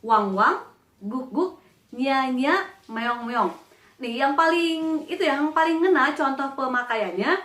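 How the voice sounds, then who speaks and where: A woman's voice: sits high, lively intonation, slow pace, a bit bright, reverberant. A woman giving a casual Japanese lesson, playfully mimicking animal sounds and bells as she explains words. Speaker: Japanese language teacher. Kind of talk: casual online language lesson.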